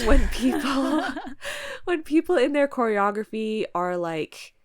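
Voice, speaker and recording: A woman hosting a podcast in casual chat, halting as she carefully picks her words and talks around them. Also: high-pitched, very animated, no echo, studio quality. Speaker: podcast host. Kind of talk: casual podcast chat during a word game.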